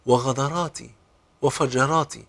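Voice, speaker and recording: واعظ بلهجة مصرية يؤدي صوت رجل تائب يائس يستعطف بإلحاح. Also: male voice, mid-range voice, normal speed, creaky, fairly bright tone. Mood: pleading. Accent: Egyptian Arabic. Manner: pleading, urgent. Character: desperate repentant man, burdened by his sins.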